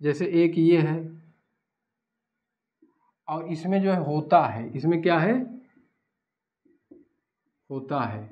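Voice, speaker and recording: A man's voice: fairly high pitch, takes it slowly, pauses often. A man teaching a Hindi class at a board, who asks questions and then answers them himself. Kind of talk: blackboard lecture. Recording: dull lo-fi recording.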